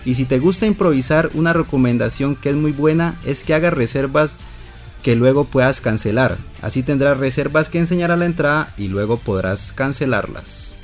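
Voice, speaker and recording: A man co-hosting a language lesson, explaining travel tips and slowly modelling English phrases, then repeating them. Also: mid-range voice, animated, faint music behind. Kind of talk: teaching English phrases in Spanish.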